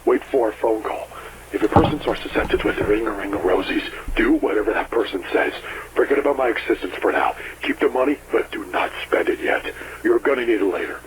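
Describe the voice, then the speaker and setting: Male actor as impatient criminal on the run, audio drama; lowish voice, commanding, crackly noisy call. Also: fairly quick, lightly acted. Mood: hurried, commanding. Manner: curt, commanding, swearing. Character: ruthless, impatient man on the run from prison.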